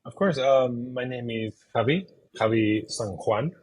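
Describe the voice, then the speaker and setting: Man, thirties, from Chile, husky voice, hesitant interview guest. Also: mid-range voice, measured pace, rough recording. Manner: hesitant, many fillers and restarts. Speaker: interview guest, video game designer. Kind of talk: casual interview answers.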